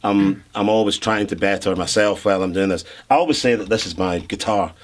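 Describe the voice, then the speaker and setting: A man's voice: on the low side, brisk, slight background noise. A middle-aged man, a producer and songwriter, chatting in an interview, rambling with lots of restarts and fillers. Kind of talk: relaxed interview chat.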